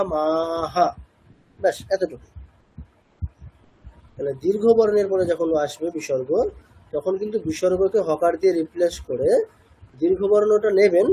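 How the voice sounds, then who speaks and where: Man, high voice, husky tone, patient teacher explaining step by step. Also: warm tone, rough recording. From India. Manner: patient, asks and answers his own questions. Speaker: Sanskrit chanting teacher. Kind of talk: explanatory class lesson.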